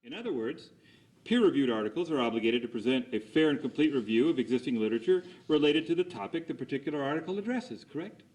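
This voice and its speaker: A man's voice: mid-range voice, expressive, quick pace, darkish tone, rough recording. Formal man cross-examining a witness. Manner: formal, methodical, ends statements with a clipped questioning "correct?". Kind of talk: cross examination, leading questions.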